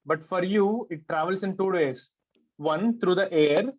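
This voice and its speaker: A man's voice: high-pitched, measured pace, muffled recording. A man teaching a class, explaining things conversationally and peppering students with rhetorical questions.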